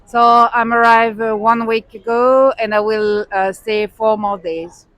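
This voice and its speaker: A woman with a French accent, speaking English hesitantly and pausing to search for words. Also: fairly high pitch, level tone, dry recording. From France. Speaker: interviewee. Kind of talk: casual street interview.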